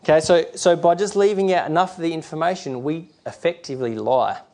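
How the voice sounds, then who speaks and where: A man's voice: fairly high pitch, a little fast, darkish tone. A middle-aged man preaching a sermon in a rambling, conversational way, often restarting and acting out quotes.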